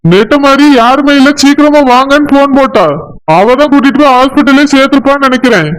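A high-voiced cartoon village husband played by a voice actor, gentle and worried. He soothes and pleads in a Tirunelveli Tamil accent. His tone stays anxious and earnest. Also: fast, close to an everyday voice, rough recording. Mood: pleading.

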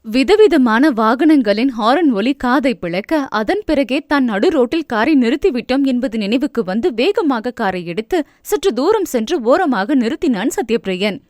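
A woman reads a novel aloud in a steady, expressive narration. Her voice sits fairly high, recorded close and dry with no room sound. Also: normal speed, dry recording. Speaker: audiobook narrator.

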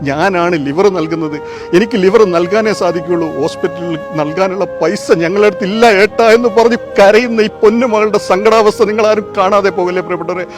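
A man speaking fast and high in a pleading, fervent rush as he makes a fundraising appeal. He is outdoors in front of a hospital at night. Music runs under his voice. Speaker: charity appeal vlogger. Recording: music playing behind the voice.

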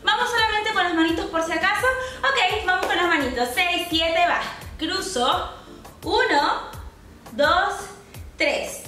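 A young woman with a very high, bright voice leads a dance lesson. She counts the beats and makes sound effects for the steps, keeping it upbeat and encouraging. She is heard from a distance in a very echoey room, with faint music underneath. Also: a little slow, long pauses. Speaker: dance instructor. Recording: very echoey room, mic far off.

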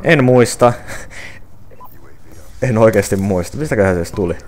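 A man's voice: lowish voice, lively intonation, a little mellow. A young man reading viewer questions off his phone and answering them casually, with many fillers and restarts. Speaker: gaming channel creator answering viewer questions.

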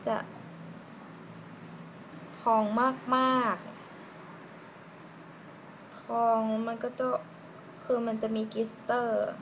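Slow-talking chatty woman reviewing lipstick. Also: a little high, flat delivery, vocal fry. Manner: chatty, giggly, drawn-out musing fillers. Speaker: beauty vlogger. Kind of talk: casual lipstick swatch review. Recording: noisy room ambience.

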